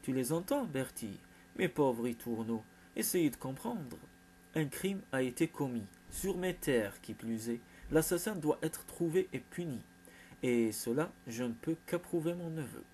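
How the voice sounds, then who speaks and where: A blunt, gruff older medieval lord, voiced by a male narrator who lectures and gives orders sternly. His pitch sits in an ordinary middle range. A faint hum runs behind the reading. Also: expressive, measured pace, darkish tone, close to an everyday voice.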